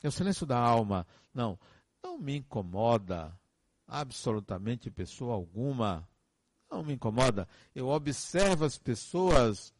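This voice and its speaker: Male counselor, emphatic advice-giver, expressive pitch, dry recording. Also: no echo. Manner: earnest, advice-giving, emphatic repetitions. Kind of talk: reflective motivational monologue.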